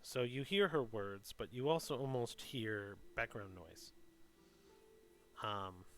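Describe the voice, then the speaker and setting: A man's voice: on the low side, animated, slow. A man narrating a tabletop game as game master, casual, explanatory and a little hesitant.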